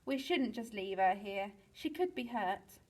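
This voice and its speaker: A woman's voice: mid-range voice, lively intonation, a little slow, darkish tone. A woman doing a portly, kindly penguin adventurer. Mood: worried.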